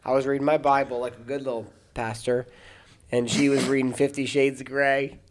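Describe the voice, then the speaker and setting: A man's voice: medium pitch, little pitch movement, fairly quick. A man, an American pastor and podcast host, telling long anecdotes in casual chat, with many restarts and bursts of laughter.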